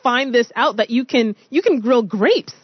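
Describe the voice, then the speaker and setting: A woman hosting a radio show, with a fairly high voice. She is playful and laughs easily as she asks questions. The sound is dry, with no room, and slightly dull. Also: lively intonation, measured pace, slightly rough, dry recording. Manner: giggly, playful, laughs often. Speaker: radio host. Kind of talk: radio interview.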